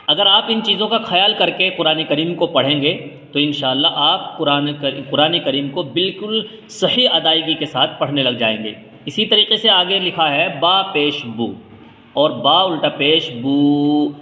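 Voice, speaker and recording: A man's voice: a little high, bright, forceful tone. A man from India teaching Quran reading step by step, patiently explaining and drawing out and half-chanting the letter sounds. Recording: echoey room with long reverb.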